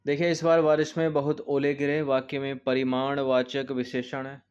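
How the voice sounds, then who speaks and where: A man's voice: mid-range voice, completely flat delivery, normal speed, darkish tone, clean tone, muffled recording. A male coaching teacher walking through an exam test paper, explaining each answer step by step and repeating key points. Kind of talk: test-paper walkthrough lesson.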